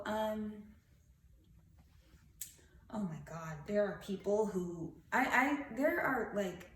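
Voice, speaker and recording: A woman talking in casual chat, animated and playful, laughing often. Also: mid-range voice. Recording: roomy, distant mic, faint noise.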